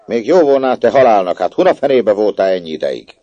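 A man voicing a coarse, shouting peasant stepmother who scolds a little girl, in a story reading. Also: deep voice, very animated, creaky, slightly rough, dry recording, dull audio, exaggerated voice. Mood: scolding. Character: coarse, shrieking peasant stepmother, middle-aged woman.

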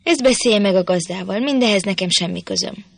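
A woman voicing a cold, sharp-tongued young mistress of a farmhouse in a storybook, dismissive in manner. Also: medium pitch, vocal fry, no room sound.

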